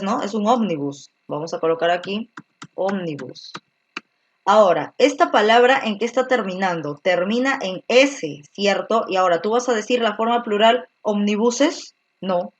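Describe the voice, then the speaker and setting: A woman's voice: mid-range voice, lo-fi sound. Woman teaching grammar, step by step. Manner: explains step by step with many tag questions. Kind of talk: virtual grammar lesson.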